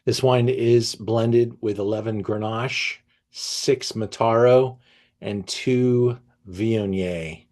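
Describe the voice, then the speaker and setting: A man hosting an online wine tasting, reading tasting notes aloud and breaking off to react with enthusiasm, often pausing with fillers and restarts. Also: on the low side, steady tone, darkish tone. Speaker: wine merchant presenting a tasting.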